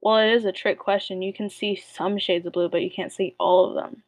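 A woman's voice: medium pitch, steady tone, fairly quick, no room sound. A young woman co-hosting a casual podcast, playful and teasing with slangy banter. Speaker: podcast co-host. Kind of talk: casual chat game with a friend.

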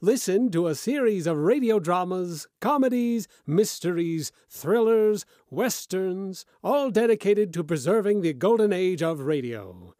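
A man's voice: high-pitched, lively intonation, measured pace, hardly any pauses, warm tone, no room sound, studio quality. A man announcing in old-time radio style, introducing scripted programs in a grand, theatrical manner.

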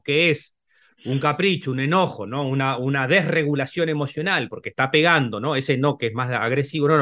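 A man's voice: medium pitch, fairly bright tone. A middle-aged Uruguayan man with a Rioplatense accent, a psychologist guest explaining at length in casual conversation, often adding tag questions and restarting phrases. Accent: Rioplatense Spanish, Uruguayan.

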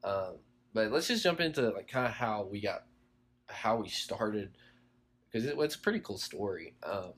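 A young man, a college student, hosting a casual interview in a relaxed, modest way with frequent fillers. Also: fairly low pitch, normal speed. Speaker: host, college student entrepreneur.

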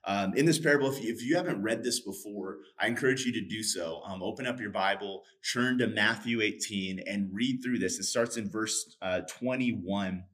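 Man, low voice, earnest, storytelling, casual faith talk. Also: moderate pace, hardly any pauses, fairly bright tone. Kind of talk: casual faith discussion, retelling a parable.

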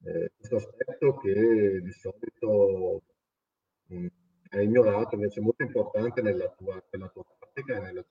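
A man's voice comes in over a patchy remote link that keeps breaking up, distant and dulled as if from across a room. His tone is husky and a touch low. He interviews in a halting way, restarting phrases as he goes. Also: steady tone. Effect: remote connection breaking up, heard faintly and far off. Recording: distant, muffled remote call audio.

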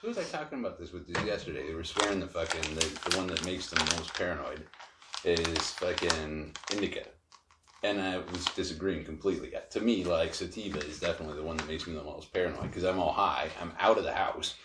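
Sweary guy rambling casually on a podcast, kinda deep, echoey garage, bit of hiss. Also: fairly quick. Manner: rambling, sweary, heavy use of like and you know. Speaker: podcast guest. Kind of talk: casual chat, rambling anecdotes. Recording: echoing garage with faint noise.

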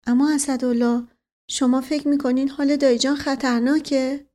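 Woman doing a nervous lovesick young guy in an audiobook, halting pleading questions, bit high. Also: flat delivery, warm tone, natural voice. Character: lovesick anxious young man, earnest and fretful. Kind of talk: audiobook character reading.

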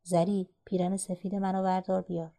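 Woman playing a gruff, harsh father. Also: fairly low pitch, little pitch movement, very noisy, lightly acted. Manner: harsh, shouting.

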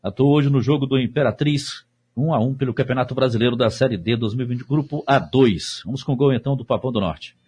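A Brazilian man hosts a sports chat in a casual way. His voice is husky and medium in pitch. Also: fast talker, a little mellow. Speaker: sports show host. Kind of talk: casual interview hosting.

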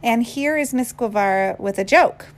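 An upbeat woman teacher reads the morning announcements for a school. Her voice sits a little high and stays cheerful from line to line. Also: normal speed.

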